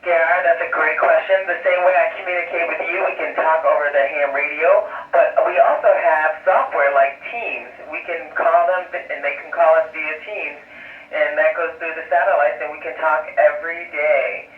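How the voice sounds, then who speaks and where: A man's voice: fairly high pitch, steady tone, normal speed. A man, an astronaut on a space station, answers schoolchildren's questions over a ham radio link in a patient, explanatory way. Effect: ham radio transmission from orbit. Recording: muffled, distant radio reception with echo.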